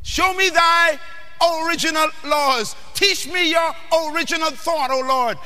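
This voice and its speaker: A man preaches a sermon with a very high voice, pressing his listeners with questions and breaking into shouts. He speaks slowly and sounds very bright. The voice rings out with the long reverb of a large hall. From Bahamas. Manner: emphatic, questioning the audience, often shouting.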